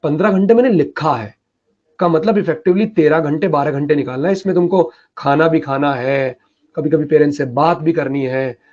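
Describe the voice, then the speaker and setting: A man's voice: on the high side, normal speed, darkish tone, highs cut off. A man mentoring students in a casual live Q&A, talking emphatically and colloquially and often slipping into English phrases. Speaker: mentor answering students' questions.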